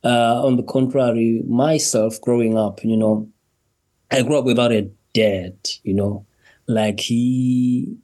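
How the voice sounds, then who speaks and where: Laughing between phrases and repeating himself, a Zimbabwean podcast guest haltingly recounts his own story. He speaks in a mellow, mid-range voice with a steady tone.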